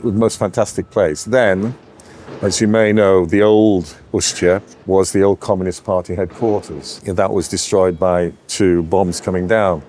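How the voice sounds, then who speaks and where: Middle-aged man, very low voice, lively anecdotal interviewee. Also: a little slow, a little hiss or hum. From Yorkshire, England. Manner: animated anecdotal storyteller. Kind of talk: storytelling interview.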